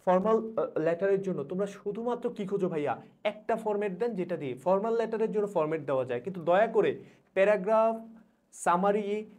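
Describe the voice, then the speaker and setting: A young man from Bangladesh, an English teacher giving rapid exam advice to students, repeating instructions urgently. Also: high-pitched, darkish tone. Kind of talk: exam suggestion lesson.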